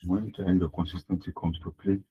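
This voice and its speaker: Over an online call, a deep-voiced accounting lecturer with a husky edge keeps a steady tone and a quick pace. He goes over his points more than once and throws rhetorical questions at the class, all in dull, lo-fi sound.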